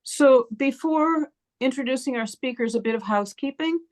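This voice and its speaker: A woman's voice: sits high, normal speed, darkish tone. A woman moderating an online meeting, giving prepared housekeeping notes and speaker introductions.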